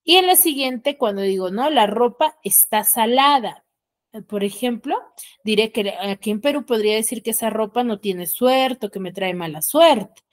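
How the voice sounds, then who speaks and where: A woman's voice: fairly high pitch, expressive, normal speed. A woman teacher with a Peruvian Spanish accent, giving an online school lesson in an explanatory way and often ending phrases with tag questions, recorded on a computer mic. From Peru. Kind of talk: online class lecture.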